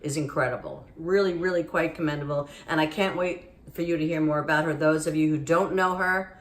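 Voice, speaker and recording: A woman's voice: low-pitched, fairly quick, roomy sound. A woman hosting a cooking show, playful and jokey, introducing her guest and chatting in a kitchen. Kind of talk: lively show host introduction and kitchen chat. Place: studio kitchen.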